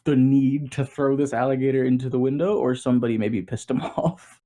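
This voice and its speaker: A man's voice: medium pitch, fairly even intonation, fairly quick, warm tone. A man hosting a casual podcast chat, reading out odd headlines and laughing often. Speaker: podcast host.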